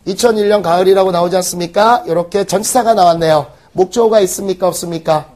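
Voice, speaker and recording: A man teaching an exam-prep English lesson, firing quick rhetorical questions at the class. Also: high voice, darkish tone. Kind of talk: recorded exam-prep lecture.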